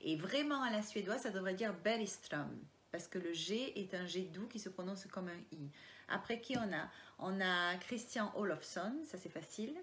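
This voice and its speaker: Reading viewer comments aloud during a relaxed live session, this author speaks with a Marseille French accent in a mid-range, slightly bright voice at normal speed. There's a little background noise, and she frequently falters and restarts her sentences.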